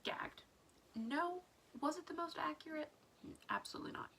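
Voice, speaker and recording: Woman vlogger, casual rambling diary chat, whispery asides, gravelly fry. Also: extremely high pitch, moderate pace, pushed and bright, a little hiss or hum.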